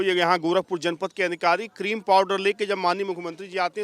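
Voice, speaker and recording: A man criticizes sharply in a street interview, with a sarcastic, pointed delivery. His voice is bright and fairly high, and the sound is dry and close. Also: dry recording. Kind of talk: critical opinion.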